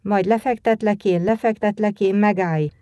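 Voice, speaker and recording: A small boy putting on a drunken husband's rage, as a woman reading the tale gives him voice, bellowing high and loud in slurred, abusive bursts. The tone stays mellow and soft-edged. The reading is dry and close, with no room sound around it. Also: steady tone, no room sound, natural voice. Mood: drunken shouting. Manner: shouting, slurred, abusive outbursts.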